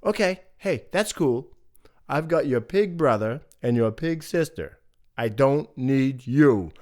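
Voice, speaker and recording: A man voicing a sly, scheming big bad wolf who coaxes and wheedles in a fast-talking way, as part of a live folk-tale telling. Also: mid-range voice, animated, a little mellow. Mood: wheedling.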